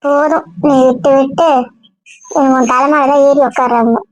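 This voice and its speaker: A young woman playing a blunt young female friend who scolds and lectures in a sharp, rapid-fire way, in a web drama. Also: sits high, fairly even intonation, dry recording, lo-fi sound, close to an everyday voice. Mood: scolding.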